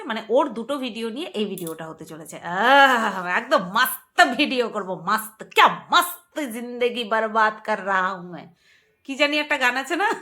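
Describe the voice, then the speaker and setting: A woman's voice: a little high, fairly bright tone. A woman vlogger chatting casually to her viewers, emphatic and playful, repeating words and laughing often. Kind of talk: casual commentary to camera.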